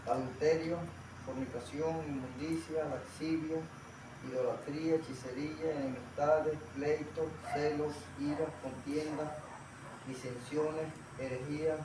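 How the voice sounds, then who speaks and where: Man reading scripture aloud, somewhat high voice, distant in a roomy hall with noise. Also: a little slow. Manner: steady reading of a list, some words pressed louder. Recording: echoey room, far from the mic, clear noise.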